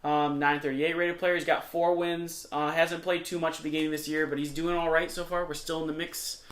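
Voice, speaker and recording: A man with a slightly higher voice calls a disc golf round in a chatty, upbeat way, full of fillers and quick asides. He has a light Michigan accent and is recorded outdoors on the course. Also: little pitch movement, fairly bright tone. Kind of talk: casual tournament commentary.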